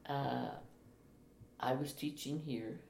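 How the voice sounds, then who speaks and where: An older woman, a retired teacher, speaking slowly and reflectively in an interview. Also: very deep voice, vocal fry. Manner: slow, reflective, with soft laughs. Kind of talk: oral history interview. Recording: echoey room, faint hiss.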